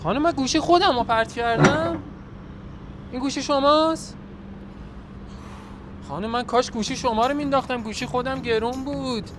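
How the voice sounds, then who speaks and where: A man's voice: extremely high pitch, long pauses, noisy background. A man hosting a hidden-camera prank, staging a furious phone call and then pleading with a stranger. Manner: fake angry phone shouting, then pleading apologies. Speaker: prankster host.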